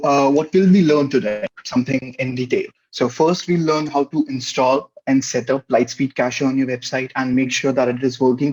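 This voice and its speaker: A man's voice: medium pitch, darkish tone. A young man from India, presenting a webinar tutorial over a headset on a video call. He explains steadily, with frequent "uh" fillers. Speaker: guest presenter. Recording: muffled video-call audio.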